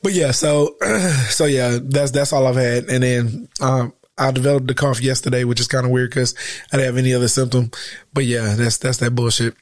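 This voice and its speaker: A man's voice: medium pitch, fairly even intonation, moderate pace, no echo. Male podcast host, stuffy nose, getting over a cold, slangy and profane, dry close sound. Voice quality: stuffy-nosed, slightly nasal. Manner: slangy, profane, laughs often. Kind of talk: casual comic chat.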